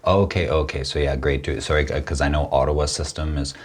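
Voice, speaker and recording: A young man hosting a podcast interview, talking slowly and haltingly, with many restarts. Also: very deep voice, little pitch movement. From Quebec. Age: young adult. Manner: slow, hesitant, many restarts. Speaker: podcast host. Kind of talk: casual interview.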